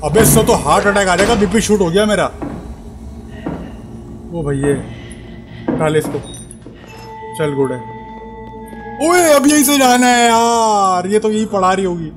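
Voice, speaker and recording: A man giving excitable live commentary on a horror game, often repeating words in panic, with an Urdu-speaking accent. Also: high voice, a little slow, pauses often. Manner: excitable, swears and repeats words when scared. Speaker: gameplay commentator. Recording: game music playing behind.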